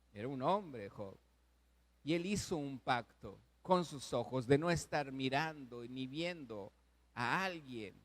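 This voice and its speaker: A man preaching a sermon, slow and earnest, with emphatic rises and hushed endings. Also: a little high. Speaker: pastor.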